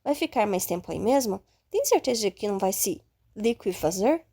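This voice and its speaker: A woman's voice: mid-range voice, lively intonation, normal speed, warm tone, breathy edge. A woman voicing a teasing young woman teammate.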